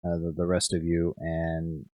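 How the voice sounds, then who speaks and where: A man running a tabletop game as game master, narrating haltingly with many restarts. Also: deep voice, completely flat delivery, a little mellow, no room sound.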